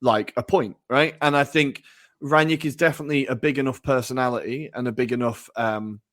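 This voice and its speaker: A man co-hosting a football podcast, talking in an animated way, laughing and swearing now and then. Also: mid-range voice, fairly quick, dry recording, studio quality. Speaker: podcast co-host. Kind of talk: casual football analysis.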